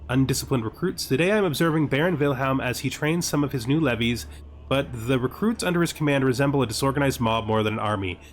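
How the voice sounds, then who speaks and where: With music playing in the background, a gaming series host talks fast in a mid-range voice. He gives casual video game commentary, reasoning aloud with rhetorical questions and exasperated asides, and sometimes reads game text aloud.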